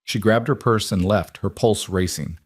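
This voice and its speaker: A man narrates a story in a steady, even reading. His voice sits low, and the recording is dry and close with no room sound. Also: moderate pace, dry recording. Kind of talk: scripted audiobook narration.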